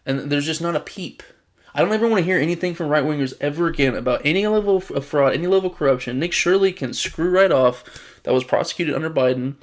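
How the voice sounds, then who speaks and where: A man's voice: on the high side, fast talker. Exasperated male political commentator. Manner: exasperated and sarcastic, frequent restarts. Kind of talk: casual political commentary reading news items.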